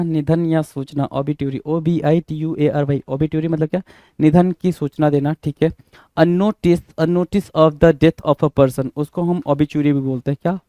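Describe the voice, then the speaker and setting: A man's voice: a little high, warm tone, no room sound. A man with an Indian accent teaching English vocabulary for an exam. He repeats each word, spells it out letter by letter, and keeps quizzing his students. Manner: repetitive, spells words letter by letter, quizzes listeners. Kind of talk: exam-prep vocabulary lesson.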